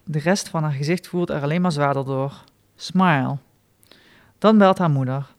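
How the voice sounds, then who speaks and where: Guy reading out his short stories, dry deadpan delivery, kinda high voice. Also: a little fast.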